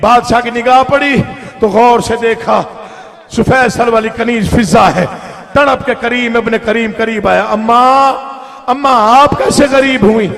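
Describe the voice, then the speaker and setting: High-voiced reciter with Pakistani Urdu accent. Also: male voice, unhurried, vocal fry. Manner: builds from soft asides to loud chanted lament. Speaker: majlis reciter. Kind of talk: Shia mourning sermon. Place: large hall before a live gathering. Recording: live recording with long hall reverb.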